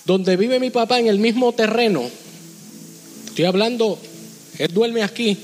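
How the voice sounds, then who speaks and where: A man's voice: high voice, unhurried. A man preaching a fervent sermon as pastor, urging his congregation. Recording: long hall reverb with music behind.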